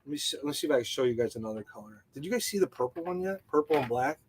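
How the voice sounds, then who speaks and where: A man's voice: medium pitch, expressive, rapid-fire, slightly rough. A man hosting a casual livestream, rambling enthusiastically with many fillers and answering viewers' chat. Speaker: livestream host and jig designer.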